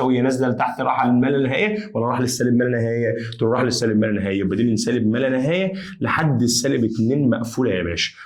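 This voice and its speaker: A math teacher with an Egyptian Arabic accent gives an energetic whiteboard lesson at a rapid clip. His middle-pitched voice has a darkish tone, and he's chatty and emphatic, repeating key phrases and calling his students "ya basha."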